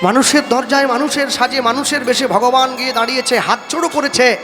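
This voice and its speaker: A man's voice: very high-pitched, fairly even intonation, quick pace. A man preaching a devotional sermon in an impassioned, sing-song manner, breaking into chanted verses. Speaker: kirtan preacher. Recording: echoey hall, faint music behind.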